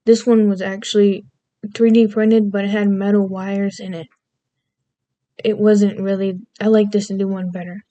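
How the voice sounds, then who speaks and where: Casting: American woman with a faint Southern lilt, a chatty vlog rambler with a mellow, fairly even delivery. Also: mid-range voice, moderate pace, lo-fi sound. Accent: American with a slight Southern lilt. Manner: meandering, self-interrupting, goofy. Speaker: vlogger. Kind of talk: casual rambling monologue.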